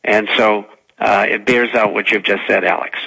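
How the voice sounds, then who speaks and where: Raspy low-voiced older man, radio commentary. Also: flat delivery, moderate pace, bright, forceful tone, low-quality recording. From Massachusetts, United States. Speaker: radio show guest commentator. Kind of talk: political commentary on talk radio.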